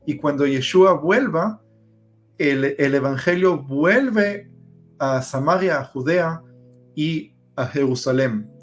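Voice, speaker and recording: A man's voice: fairly high pitch, slow, faint music behind. A man explaining Bible passages, hesitating with many fillers as he goes. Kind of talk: religious discussion.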